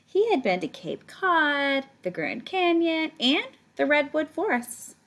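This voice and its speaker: In a slow, high voice, a woman reads a picture book aloud to children the way a teacher would. She tells the story with animation, stretching out words and chatting directly to her young audience with casual explanatory asides.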